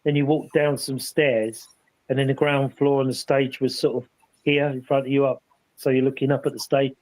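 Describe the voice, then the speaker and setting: A man's voice: medium pitch, little pitch movement, normal speed, a little mellow, no echo, low-quality recording. A man on a paranormal panel, rambling through an investigation story in casual chat with many restarts and asides.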